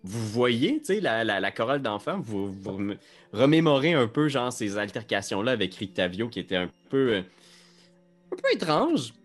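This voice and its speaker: A man with a Québécois French accent narrating a tabletop game as game master, halting and searching for words. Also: mid-range voice, big pitch swings, soft background music.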